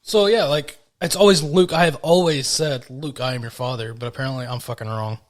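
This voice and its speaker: A man's voice: mid-range voice, steady tone, brisk. A man co-hosting a podcast in loose, casual chat, rambling and swearing freely. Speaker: podcast co-host.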